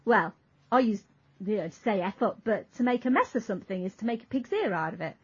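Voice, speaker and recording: Rambling woman, husky voice. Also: mid-range voice, lively intonation, fast. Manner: rambling, self-interrupting, trailing off. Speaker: podcast co-host. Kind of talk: casual podcast chat. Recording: dull lo-fi audio.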